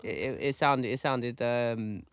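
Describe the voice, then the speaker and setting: A man's voice: medium pitch, unhurried, clear, resonant tone, no echo. Roadman-style young man, slangy podcast host. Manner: London roadman slang, animated storytelling with stammered repeats. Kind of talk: casual chat with slang.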